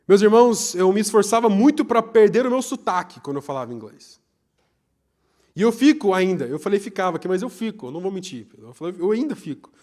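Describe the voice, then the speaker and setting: Young Brazilian pastor with a high-pitched voice, preaching live, lively swings from loud to hushed. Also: male voice, a little fast. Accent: Brazilian Portuguese. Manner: animated, swings between loud emphasis and hushed asides. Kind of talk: live sermon. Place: church, live service.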